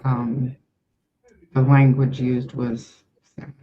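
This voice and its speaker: Slow, flat voice on a mic dropping in and out. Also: medium pitch. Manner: halting, hesitant speech with restarts. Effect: mic cutting in and out, uneven volume. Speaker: commentator on a panel. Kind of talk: online video discussion. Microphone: computer mic on a video call. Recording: dull lo-fi online call mic.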